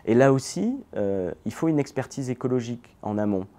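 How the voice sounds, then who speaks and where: A middle-aged man explaining things, an ecologist presenting a lesson and often pausing on fillers. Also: medium pitch, animated, dark tone. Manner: hesitant, many fillers. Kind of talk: educational explanation.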